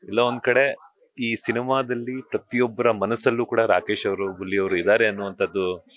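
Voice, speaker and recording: A man interviewing an actress, asking questions gently and consolingly, mixing English words into his speech. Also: on the low side, fairly even intonation, moderate pace, no room sound.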